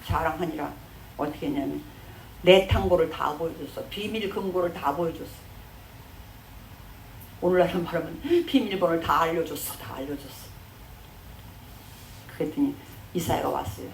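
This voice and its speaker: A woman's voice: deep voice, moderate pace, vocal fry, pauses often, distant mic. Woman pastor, sermon, conversational storytelling, roomy church echo, faint background hiss. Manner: conversational storytelling, acting out quoted speech.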